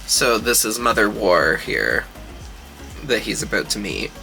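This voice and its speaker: A man with a very bright, forward voice chats in a sassy drag queen manner. He gushes and swears casually as he reacts to what he watches, with music playing behind him. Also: on the low side, sing-song, unhurried, vocal fry, low-quality recording.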